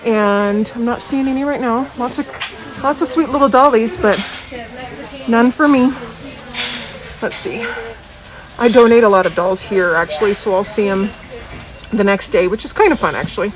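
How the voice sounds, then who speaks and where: A woman's voice: on the high side, moderate pace, pauses often. Muffled American woman talking through a mask. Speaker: vlogger, doll dealer. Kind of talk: casual chatty vlog narration. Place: inside a thrift store. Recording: muffled voice, faint background noise.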